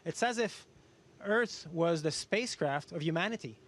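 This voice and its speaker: A Canadian man appears as an astronaut guest answering students in an educational Q&A, explaining things simply with everyday comparisons. His voice is a little high and fairly bright, with lively intonation at normal speed.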